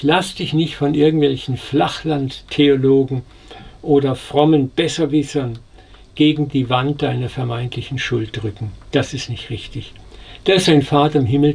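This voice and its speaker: A man's voice: medium pitch, gravelly, darkish tone, slightly rough. A man preaching a devotional sermon, earnest and consoling, speaking straight to the listener.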